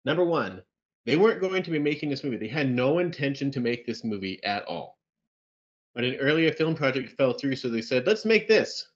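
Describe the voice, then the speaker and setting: A man with an average pitch trades dry, sarcastic remarks during a casual film review chat. His voice comes through a video call with slightly muffled sound. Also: sing-song, brisk, breathy edge. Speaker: podcast co-host reviewing films.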